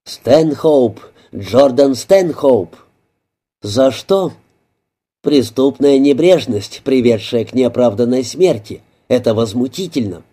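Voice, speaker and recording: A shaken surgeon snaps his lines through his teeth, seething and clipped, as a male audiobook narrator voices him. The tone is very dark and mellow, and the words come slowly under strain. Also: mid-range voice, expressive. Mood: indignant.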